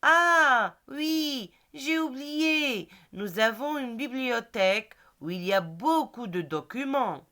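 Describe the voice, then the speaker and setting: A woman's voice: sits high, animated, takes it slowly, hardly any pauses, bright, forceful tone, pitched above the performer's own voice, heavily acted. A woman reading as a proud schoolboy. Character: cheerful schoolboy describing his school. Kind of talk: reading a textbook dialogue aloud.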